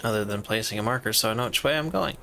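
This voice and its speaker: A man with a lowish, gravelly voice talks rapid-fire, sounding pushed and bright over slight background noise. While streaming a game he rambles to himself about his inventory and his stream problems, keeping the commentary casual.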